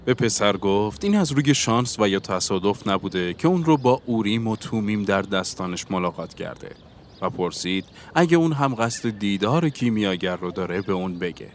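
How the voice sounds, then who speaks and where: A man narrating an audiobook in a calm, even reading voice. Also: on the low side, slight background noise.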